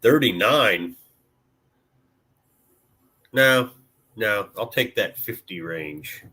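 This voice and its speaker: A fairly low-pitched, expressive male voice with drawn-out words and a sharp edge. He's from Illinois, USA, and chats casually with live-stream viewers in a laid-back, rambling way, full of fillers and mild swearing.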